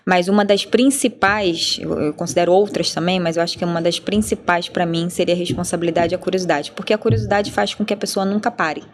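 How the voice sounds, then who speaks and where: A woman's voice: fairly low pitch, fairly even intonation, quick pace, hardly any pauses. A Brazilian woman, a compliance professional, a podcast guest, speaking thoughtfully and often repeating words as she looks for phrasing. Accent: Brazilian Portuguese. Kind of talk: casual panel conversation.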